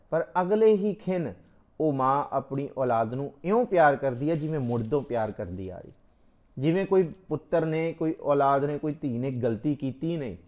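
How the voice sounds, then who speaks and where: A man giving a Sikh scripture exposition, reciting verses slowly and then explaining them phrase by phrase, asking and answering his own questions like a teacher. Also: medium pitch, a little mellow, muffled recording.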